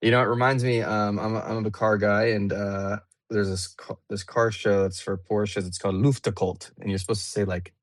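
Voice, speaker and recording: Man as host of an online audio panel, low voice, loose and chatty, dry close sound. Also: normal speed, few pauses, no echo. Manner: relaxed, chatty, many fillers and restarts. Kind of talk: live audio panel hosting. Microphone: remote audio call.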